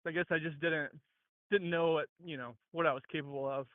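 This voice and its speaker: A man in his late twenties from Mississippi, calling in over a phone speaker and telling a long, rambling story while he walks, with many halting restarts. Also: a little high, fairly even intonation, no room sound. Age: late 20s. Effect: heard over a phone speaker. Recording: tinny dry phone line.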